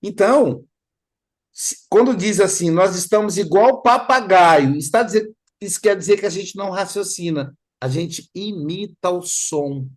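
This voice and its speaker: A man leading a spiritist study group, talking in a lively way, acting out little dialogues and often adding tag questions. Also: high voice, measured pace. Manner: animated, acts out dialogues, frequent tag questions.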